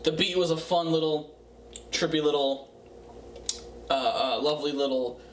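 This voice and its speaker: A man giving a casual, profane music review in a tipsy, rambling way, halting and repeating himself. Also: on the high side. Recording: roomy, distant mic, faint noise.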